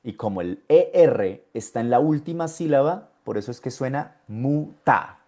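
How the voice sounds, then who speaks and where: A man teaching German pronunciation, speaking deliberately and repeating each word so the learner can copy it. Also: medium pitch, lively intonation, dark tone. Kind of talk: online pronunciation lesson.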